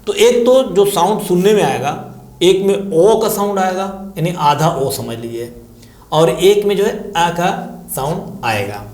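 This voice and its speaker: A man's voice: high-pitched, animated, darkish tone, reverberant. A man teaching Quran recitation rules, patiently repeating sounds and examples. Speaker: Tajweed teacher answering questions. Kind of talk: religious lesson explaining Quran recitation.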